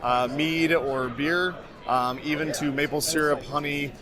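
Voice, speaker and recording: A man representing a barrel company in a trade show interview, relaxed and repeating words as he starts phrases. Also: on the high side, unhurried, crowd noise.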